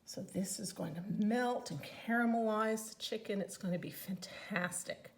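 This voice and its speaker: A cooking product consultant from Newfoundland, Canada, speaks in a mid-range voice at normal speed with a Newfoundland accent. Chatty and upbeat, she runs a home cooking demonstration in her kitchen, enthusing about flavor.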